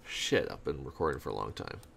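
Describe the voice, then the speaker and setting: A man casually commenting on his strategy game as he plays, rambling and thinking out loud with sarcastic asides, on a desk mic without a pop filter. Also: rumbling low, animated, fairly quick, gravelly. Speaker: gameplay commentator. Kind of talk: casual let's-play commentary.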